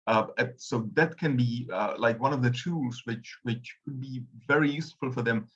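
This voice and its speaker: A man's voice: medium pitch, moderate pace, fairly bright tone, breathy edge, highs cut off. A man from the Republic, speaking hesitantly with many fillers as a panelist in a webinar discussion. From Czech Republic.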